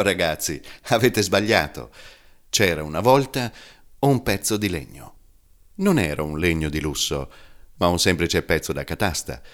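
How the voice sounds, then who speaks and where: A man reads a children's storybook aloud in an expressive narrating manner. His voice is very low yet swings widely in pitch to carry the tale. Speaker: audiobook narrator. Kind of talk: scripted narration.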